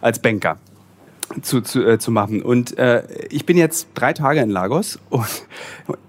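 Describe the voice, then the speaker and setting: A man's voice: medium pitch, lively intonation, measured pace. A man hosting an interview podcast from a small office, chatting casually with wry, self-deprecating asides. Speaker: podcast host and journalist.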